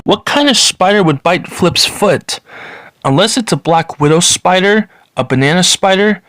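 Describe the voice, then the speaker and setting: A man gives scripted review commentary in a fairly high voice. A little music plays underneath him. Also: animated, normal speed, a bit bright, dry recording. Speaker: video reviewer.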